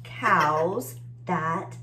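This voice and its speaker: In a small indoor room lined with bookshelves, an American woman in her forties hosts a children's story time, reading a picture book and explaining things simply through questions. Her voice is lowish and sharp in tone, and she speaks extremely slowly.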